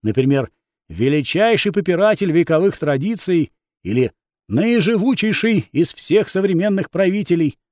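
A man's voice: on the high side, darkish tone, dry recording, clean studio sound. A man narrating a first-person fantasy audiobook in a wry, ironic tone.

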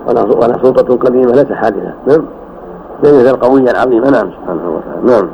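An older man teaching as a sheikh, explaining a creed text slowly and correcting his student's reading with frequent "yes". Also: mid-range voice, vocal fry. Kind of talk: classroom commentary on a text. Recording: dull old recording with faint hiss.

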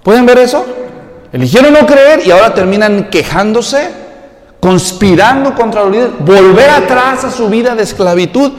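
A man preaching a sermon, animated and humorous, acting out quotes in a raised voice. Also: high-pitched, normal speed. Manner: humorous storytelling asides. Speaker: pastor. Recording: echoey hall reverb.

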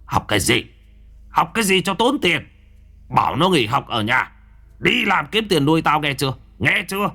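A man voicing a drunk, violent, greedy middle-aged husband who shouts rapid abuse. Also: lowish voice, lively intonation. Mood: drunken rage.

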